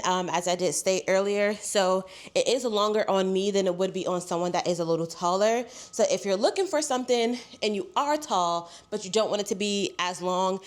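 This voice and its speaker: A young woman, chatting casually through a clothing try-on haul, congested and a little out of breath, saying "y'all" a lot. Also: medium pitch. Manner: chatty, says "y'all" often. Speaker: fashion haul vlogger.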